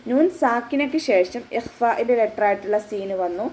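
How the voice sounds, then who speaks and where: A woman's voice: fairly high pitch, brisk, a little mellow, a little hiss or hum, poor audio. A woman Quran teacher giving a patient, step-by-step tajweed lesson, often checking that her students follow. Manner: patient step-by-step instruction, with frequent checks for understanding.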